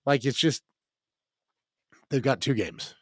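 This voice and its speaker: A man with an American accent and a hoarse, smoker-like raspy voice, chatting casually about sports as a podcast co-host in a halting, slangy way. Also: mid-range voice, no room sound, clean studio sound. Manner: halting, informal, peppered with slang. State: hoarse from a night out in the cold. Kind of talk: casual sports analysis chat.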